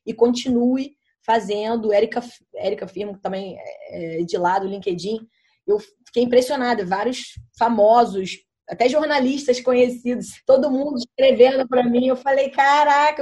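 A woman guest on a podcast, telling stories in an animated, chatty way and swearing now and then. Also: on the high side, moderate pace. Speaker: podcast guest, content creator. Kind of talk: casual chat.

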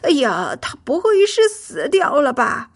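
A woman voicing a timid young male golden beetle in a children's audio story, with fearful, excitable cries. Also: sits high, unhurried, heavily acted. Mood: puzzled, worried.

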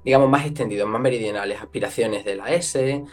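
A man's voice: mid-range voice, faint music behind. A man from Extremadura with an Extremaduran accent, a guest explaining eagerly in a casual interview. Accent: Extremaduran Spanish. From northwestern Cáceres, Extremadura. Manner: fast, animated explaining with many fillers. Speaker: guest, language content creator.

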